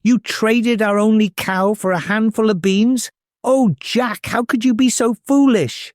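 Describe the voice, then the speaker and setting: A man voicing a poor, anxious mother who is quick to scold, in a children's storybook. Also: mid-range voice, animated, mellow, dry recording, clean studio sound, close to an everyday voice. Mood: upset.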